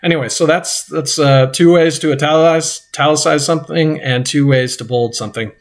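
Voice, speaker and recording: A man who teaches math, walking through a screen-recorded coding lesson in a halting way, with many fillers and restarts. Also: fairly high pitch, fairly even intonation.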